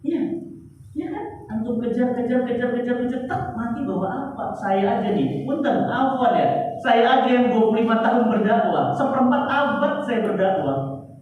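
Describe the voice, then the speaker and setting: A man with an Indonesian accent preaching a mosque sermon, telling stories and acting out the dialogue with lively energy. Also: very high voice, normal speed, slight background noise. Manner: animated, acts out dialogue in the stories. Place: mosque hall. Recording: echoey hall, far from mic, dull sound.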